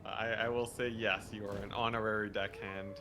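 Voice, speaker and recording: A young man playing as a guest on a game stream, relaxed, easygoing and modest. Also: fairly low pitch, moderate pace. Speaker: guest player. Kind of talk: casual game-stream chat. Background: loud game music.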